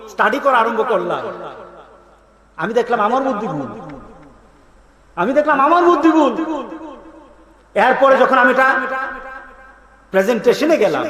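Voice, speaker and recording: A man preaching a fervent Islamic sermon, putting on voices for the people in his stories and calling out questions to the listeners. His voice sits high. It rings through a roomy hall over the sound of a large gathering. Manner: dramatic, acts out quoted voices, asks the crowd questions. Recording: echoey hall with crowd.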